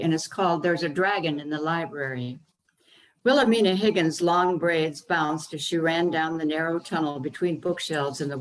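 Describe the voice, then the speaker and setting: A woman author reading her own children's story aloud over a video call, unhurried with the odd um. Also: sits low, poor audio. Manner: unhurried reading with occasional ums.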